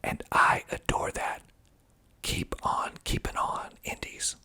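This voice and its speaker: The filmmaker murmurs reviews of his movie aloud in a husky, breathy ASMR whisper. His remarks are unhurried and deliberate, and he never raises his voice above a hush.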